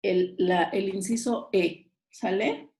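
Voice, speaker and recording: A woman's voice: medium pitch, takes it slowly, darkish tone. A woman teacher patiently explains exam answers and often checks that her listeners follow. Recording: roomy echo.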